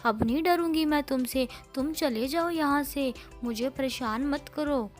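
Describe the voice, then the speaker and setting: A woman's voice: high voice, a little slow, faint music behind. A woman voicing a brave little female sparrow who runs a clothes shop and is a mother. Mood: defiant.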